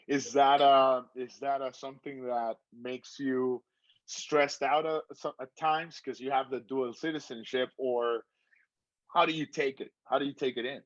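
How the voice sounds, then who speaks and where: A man's voice: medium pitch, steady tone, a little slow, dry recording. Man hosting an interview, dry dull sound. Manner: asks long, winding questions. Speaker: interviewer and show host. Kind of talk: casual interview.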